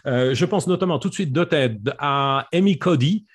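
A man's voice: fairly high pitch, moderate pace, husky. A middle-aged French-speaking man, a public speaking coach, answering questions in an online session with frequent fillers and restarts. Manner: hesitant, many fillers and restarts. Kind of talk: webinar Q&A answer.

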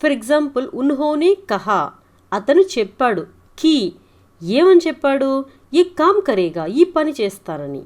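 A woman with a fairly high voice teaches a spoken language lesson. Her voice rises and falls with lively emphasis. She repeats every sentence slowly and drops in short English translations.

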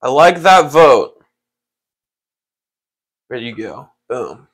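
A man hosting a casual livestream who rambles in a relaxed way, laughs often and talks to his chat. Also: medium pitch, extremely slow. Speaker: livestream host.

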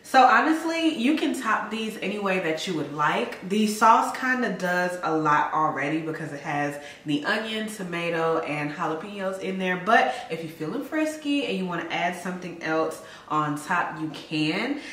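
A woman's voice: normal speed, hardly any pauses, far from the mic. A woman in her thirties chatting playfully on a home cooking vlog. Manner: chatty and playful, lively pitch. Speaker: co-host cooking. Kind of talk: casual cooking vlog chat. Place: home kitchen, indoors. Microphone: camera mic from a few feet away. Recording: echoey kitchen, off the mic, soft music.

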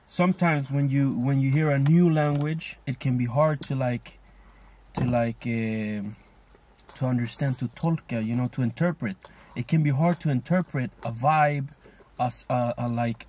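Co-hosting a food vlog, this man chats casually while eating, musing at length in a loose, thoughtful, rambling way packed with fillers. His mid-range voice is unhurried, with a darkish tone.

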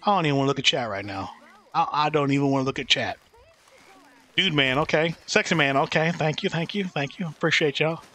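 A man's voice: a little high, brisk, pushed and bright. A Texan man chatting loosely and joking while streaming a game, reading viewers' chat aloud. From Texas.

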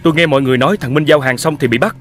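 A man's voice: a little high, racing, soft background music, natural voice. An actor playing a puzzled man just back from the countryside, confused and defensive.

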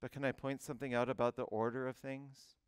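A male pastor preaching a sermon, animated, often restarting words and phrases before driving a point home. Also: mid-range voice, fast, clear, resonant tone, no echo. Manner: animated preaching with frequent repeated starts.

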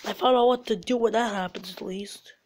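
A woman's voice: medium pitch, brisk. Frustrated woman cursing at a phone game. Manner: frustrated, swearing, yelling at the game. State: sick, congested. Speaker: gamer recording her phone screen. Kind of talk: mobile gameplay commentary. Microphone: phone's built-in mic.

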